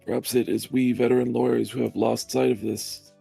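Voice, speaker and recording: A pompous elderly judge , as a man puts him on while reading a game aloud. The voice is heavily gravelly and husky, with a dark, mellow tone. He speaks slowly and formally, as if holding court. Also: mid-range voice, flat delivery, faint music behind. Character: elderly male judge and veteran lawyer.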